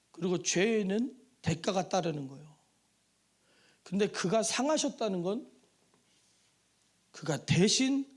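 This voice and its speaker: High, lively-voiced male pastor preaching. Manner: lively and conversational, with rhetorical questions and asides to the congregation. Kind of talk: sermon. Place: church sanctuary.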